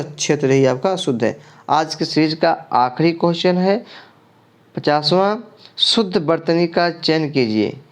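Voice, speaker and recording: A male teacher working through exam questions one by one, asking the class about each answer and then giving it. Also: a little high. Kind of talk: exam prep lesson going through quiz questions.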